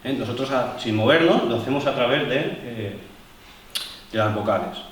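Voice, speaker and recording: A man instructing a martial arts class, explaining to the group with many fillers and pauses. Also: mid-range voice, lively intonation. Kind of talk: live seminar demonstration. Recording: echoey hall, voice from far off, faint noise.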